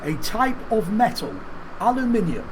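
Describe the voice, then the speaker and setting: A man's voice: high-pitched, very animated, moderate pace, slight background noise. A man reading out short word-game clues in a clipped, clue-by-clue way.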